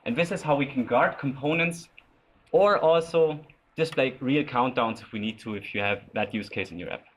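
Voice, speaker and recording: A man giving an informal lightning talk with a live demo, explaining as he goes in short, halting phrases. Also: medium pitch. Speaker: software developer presenting at a tech meetup.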